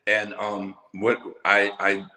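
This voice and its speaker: A middle-aged man talking as an interview guest about his work, telling his story in an emphatic, animated way. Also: lowish voice, slow, roomy sound. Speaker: interview guest, musical poet. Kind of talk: casual conversational interview.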